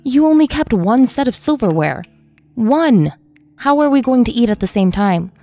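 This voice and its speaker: A woman's voice: medium pitch, expressive, moderate pace, warm tone, no room sound, pitched above the performer's own voice, natural voice. A woman voicing a frustrated young boyfriend, speaking raised and indignant.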